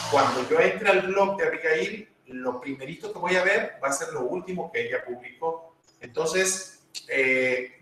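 Patient teacher in an echoey room. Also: male voice, medium pitch, fairly bright tone, distant mic, a little hiss or hum. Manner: patient, step-by-step, repeats instructions. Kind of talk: online class instruction.

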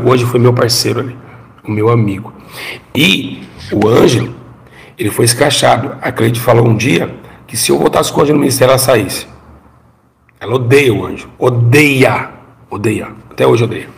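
Dramatic Brazilian man telling his story. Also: mid-range voice. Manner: dramatic storytelling, repeats phrases, gets the audience to repeat after him. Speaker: former pastor. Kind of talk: emotional testimony before an audience.

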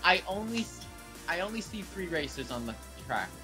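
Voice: medium pitch, sing-song, moderate pace. A gamer chatting casually during a group racing game, joking about their own luck. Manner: playful, joking self-commentary. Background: game music.

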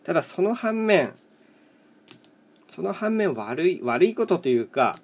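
A man with a voice a little higher than most men's talks casually, like a host chatting over a solo game. He thinks aloud in short fragments and keeps a plain, matter-of-fact way of speaking. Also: very animated, a little slow, slightly rough. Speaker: host of a solo mahjong chat video and live streamer. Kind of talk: casual rambling commentary while playing tiles.

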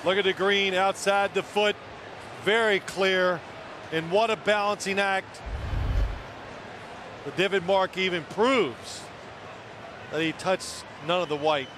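A man giving animated, emphatic color commentary on a live football broadcast. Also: high voice, slow, pauses often, noisy background. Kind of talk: live sports analysis.

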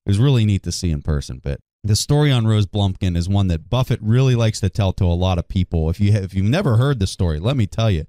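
A man co-hosting a casual podcast, speaking with a low, mellow voice. He tells stories with emphatic enthusiasm. The sound is dry and close, with no room echo. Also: lively intonation, fast talker, few pauses. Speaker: podcast co-host.

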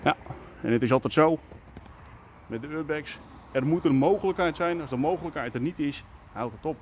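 A man in his forties, an urbex vlogger, talks casually to a camera held at arm's length, musing aloud with plenty of fillers as he rides a scooter outdoors and later heads home into an indoor stairwell. His voice sits on the high side, brisk and a little mellow, with a faint hiss or hum.

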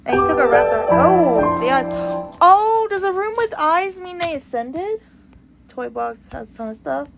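A woman streaming a game live, reading the on-screen text aloud and reacting with excitement. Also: sits high, unhurried, vocal fry, loud music behind the voice. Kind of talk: live gameplay commentary. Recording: loud insect and cricket noise behind.

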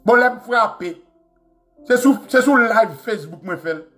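Haitian guy ranting hard, high bright voice, yells a lot, faint music behind. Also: measured pace. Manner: animated, shouting bursts, code-switching, swearing. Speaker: commentator. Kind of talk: heated live-stream rant.

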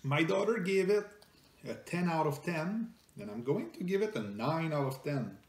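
A middle-aged man with a French Canadian accent, a native French speaker, reviewing a product in casual talk, halting with many fillers and restarts. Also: fairly high pitch, lively intonation. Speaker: food reviewer host. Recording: echoey room.

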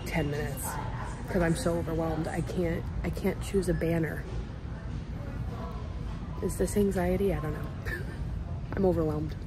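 A woman's voice: lowish voice, background noise. Gushing young woman filming in a store. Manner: gushing, excitable, talks straight to viewers. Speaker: lifestyle vlogger. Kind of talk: casual shop-with-me vlog. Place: large retail store, indoors. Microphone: handheld phone at arm's length. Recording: in-store background ambience.

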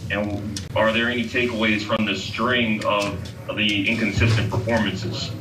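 A man's voice: lowish voice, little pitch movement, moderate pace, over music. A man reporter asking long, detailed questions at a press conference. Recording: roomy and distant, noisy.

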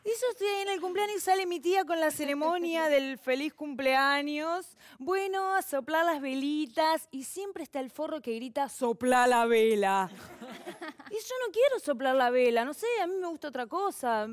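Una comediante joven de voz aguda y acento rioplatense, que cuenta anécdotas familiares con mucha energía. Alterna su tono natural con imitaciones, subiendo y bajando la voz. Un monólogo de stand-up animado y expresivo. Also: female voice, moderate pace. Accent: Rioplatense Spanish. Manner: animated, acts out family voices with shifts of pitch.

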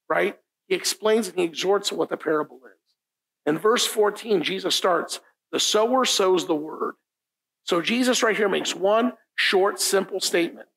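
In a rough recording, a middle-aged pastor, Italian by first language, gives an informal sermon while standing at a lectern in a church meeting room. His high voice carries vocal fry and a fairly bright tone, and he keeps asking "right?" while repeating important lines for emphasis.

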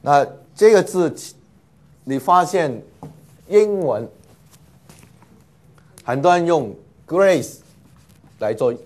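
A man's voice: fairly high pitch, expressive, very slow, long pauses, a little mellow. Male teacher, patient classroom lecture, lots of fillers and repetition, with mixed in. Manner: patient, many filler 'ah' sounds, repeats words for students.

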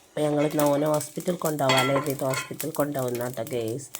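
A woman's voice: a bass voice, steady tone, very fast, heavy background noise. A woman with a Malappuram Malayalam accent, chatting casually to viewers in a home family vlog. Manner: chatty, addresses viewers with frequent tag words. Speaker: family vlogger.

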